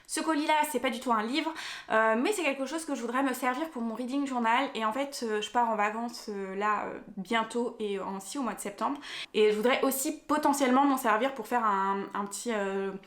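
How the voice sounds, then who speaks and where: Young female vlogger, slightly high, rambling and hesitant, echoey room. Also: brisk, a bit bright. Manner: chatty, many fillers and restarts. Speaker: book vlogger. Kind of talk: casual vlog chat, unboxing. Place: rural home, later in a henhouse.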